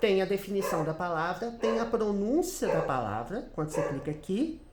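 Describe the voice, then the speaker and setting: Lively Brazilian man teaching English. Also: sits high, fairly quick, crowd noise. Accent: Brazilian Portuguese. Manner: chatty, keeps checking in with "tá?" and "né?". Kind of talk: screen-share grammar lesson. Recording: roomy echo.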